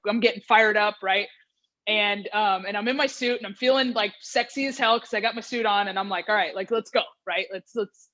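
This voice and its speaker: A woman's voice: medium pitch, fairly bright tone. A woman guest on a podcast telling a story in casual chat, with many fillers, acting out the quoted lines as she goes. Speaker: podcast guest, hitting coach.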